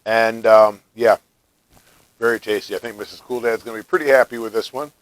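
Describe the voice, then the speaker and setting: A man's voice: lowish voice, brisk, no room sound, rough recording. Chatty man in a dry home kitchen. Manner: chatty, relaxed, talks while tasting, frequent fillers. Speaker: home cooking vlogger. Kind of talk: casual cooking chat.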